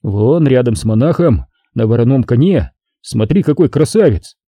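A tender, slightly awkward grown man, as a narrator plays him speaks in fatherly, teasing banter. His voice is dark and husky, with a lively pitch. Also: normal speed, dry recording, clean studio sound, natural voice. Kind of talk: audiobook reading.

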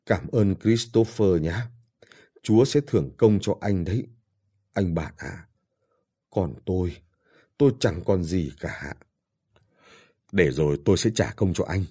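A man's voice: sits low, a little slow, pauses often, warm tone, breathy edge, heavily acted. A man reading an audiobook and voicing a frail dying old father in pain, who speaks in a weak, pleading way and pines for his daughters.

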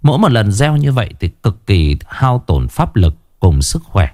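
A man narrating a horror story in a dramatic, lively storytelling manner. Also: lowish voice, moderate pace, dry recording, studio quality.

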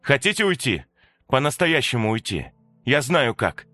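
A man's voice: mid-range voice, big pitch swings, normal speed, bright, forceful tone, no room sound, soft background music, voice pushed up. A man voicing a determined young woman who acts as a fierce protective mother to ghost children, pleading and commanding by turns, read in a dry, close recording. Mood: urgent, commanding.

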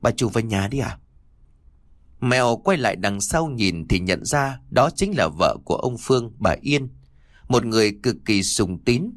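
A man narrating a ghost story audiobook with expressive storytelling. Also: mid-range voice, moderate pace, dry recording, clean studio sound.

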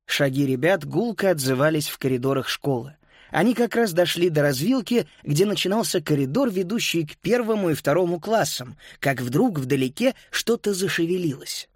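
Man narrating a lively children's audiobook. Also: on the high side, normal speed, no echo, clean studio sound. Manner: lively, expressive storytelling.

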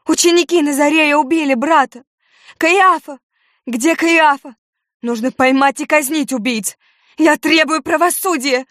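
A woman voicing a proud young beauty, delivered in shrill, impassioned bursts. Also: expressive, normal speed, dark tone, dry recording, studio quality, lightly acted. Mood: frantic.

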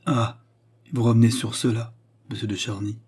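A man's voice: medium pitch, flat delivery, normal speed, mellow, breathy edge. A man voicing a proud, wounded queen in an audiobook reading of a novel, speaking with bitter reproach. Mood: proud, angry.

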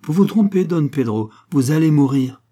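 A man's voice: mid-range voice, moderate pace, warm tone, lightly acted. A man voicing a thirteen-year-old boy duke who speaks with firm, solemn command. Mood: coldly resolute.

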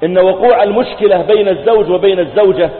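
A man's voice: sits high, fast. A man preaching a sermon, retelling a story vividly and acting out its dialogue. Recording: tinny phone-like sound in an echoey hall.

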